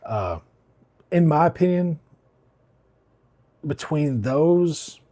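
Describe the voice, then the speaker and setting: A man's voice: a little high, lively intonation, drawn-out words, dark tone. A man from Alabama, hosting a barber livestream, chatting casually and reading out comments while a bit under the weather. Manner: rambling, laid-back, many fillers and restarts.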